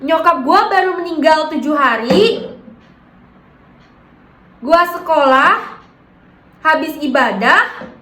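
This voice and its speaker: High-voiced young woman telling her story. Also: lively intonation, slow pace, long pauses, bright, forceful tone, echoey room, faint music behind, rough recording. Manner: slangy Jakarta-style casual talk, defensive and emphatic. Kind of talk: personal storytime vlog.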